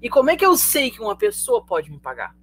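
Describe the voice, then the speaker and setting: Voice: mid-range voice, huge pitch swings, fairly quick, fairly bright tone. Brazilian teacher tossing questions at students. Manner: conversational, asks students rhetorical questions, tags sentences with "tá?". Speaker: sociology teacher. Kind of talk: live online class lecture.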